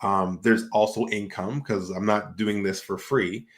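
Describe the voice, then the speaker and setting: A man's voice: lowish voice, steady tone, measured pace. A man hosting a casual talk as an entrepreneur, speaking reflectively and often filling with "like". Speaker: host and entrepreneur.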